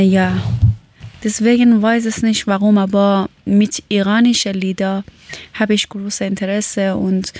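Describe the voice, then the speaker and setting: A young woman born in Iran to an Afghan family, speaking in hesitant learner's German and often pausing to search for words. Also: mid-range voice, darkish tone, no echo. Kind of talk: casual conversation, learner German.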